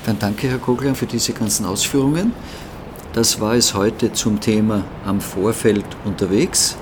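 A man's voice: fairly low pitch, measured pace, background noise. A man asking questions as a podcast host. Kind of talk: interview questions.

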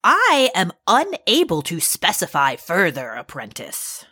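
A woman's voice: lowish voice, wildly swooping pitch, a little slow, bright, forceful tone, breathy edge, no room sound, clean studio sound, exaggerated voice. A woman voicing a prim, formal shop mistress with stiff, haughty diction in an audio drama.

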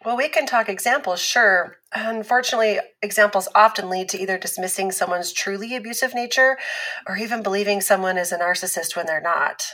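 An actress with a mid-range female voice takes the role of an abuse survivor in a scripted fiction podcast, speaking calmly and patiently as she explains matters in a measured, instructive fashion.

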